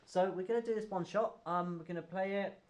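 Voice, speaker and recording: A man's voice: sits high, fairly quick. A man, hosting a casual podcast chat in a loose, rambling, jokey way. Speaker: podcast host and game master.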